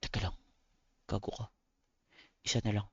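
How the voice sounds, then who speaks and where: With a lowish, monotone, gravelly voice and a breathy edge, a man with a Filipino accent talks at normal speed to his livestream viewers. He's a game streamer and competitive esports player whose casual style is blunt, slangy, and sweary, addressing listeners as buddies. There's no room sound, and the audio is dull.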